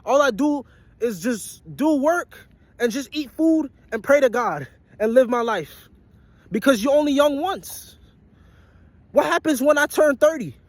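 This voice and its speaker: A man's voice: extremely high pitch, expressive, a little slow, dry recording. A man in his twenties giving a blunt, profane motivational rant to his viewers, repeating his points over and over after a long work shift. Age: 20s. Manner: blunt, profane and repetitive, hammering points home. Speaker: vlogger and aspiring musician.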